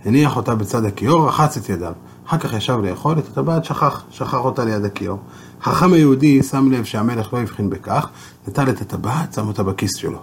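A man teaching a Torah lesson, explaining and telling a story in a steady way. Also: medium pitch, a little hiss or hum.

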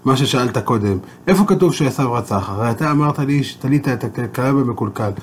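A man as a calm, wise sage. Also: medium pitch, a little hiss or hum, lightly acted. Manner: calm, measured, gently reproving.

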